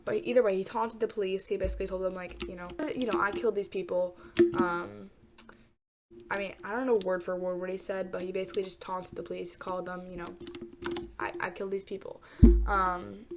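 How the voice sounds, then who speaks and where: Over very noisy audio and loud keyboard typing, a congested young woman with a medium-pitched voice casually recounts a true crime story while playing games. Her telling is hesitant and rambling, packed with fillers and restarts.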